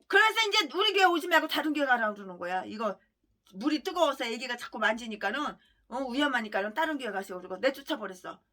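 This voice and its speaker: A woman pastor delivering a fiery, denunciatory sermon, ranting with heavy name-calling and bursts of shouting. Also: on the high side, animated, fast.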